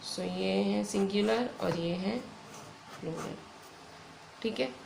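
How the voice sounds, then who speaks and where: Indian woman teacher, slow and gravelly, echoey room: patient lesson delivery. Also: mid-range voice, darkish tone, a little hiss or hum. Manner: slow, patient explaining with frequent "theek hai". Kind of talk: online grammar lesson. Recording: echoey room with faint ambience.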